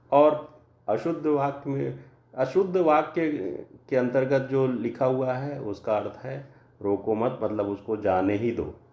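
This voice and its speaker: A man teaching a grammar lesson, explaining slowly and deliberately through worked examples. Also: on the low side, creaky, reverberant, muffled recording. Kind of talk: classroom lecture.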